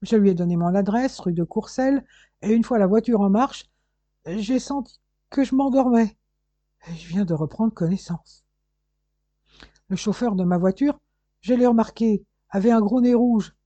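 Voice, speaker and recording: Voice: mid-range voice, normal speed, long pauses, mellow, dry recording, pitched above the performer's own voice, lightly acted. A reader voicing a dazed male captive who stammers and answers sourly, in a storybook reading. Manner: stammering, then sour. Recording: dull, dry lo-fi recording.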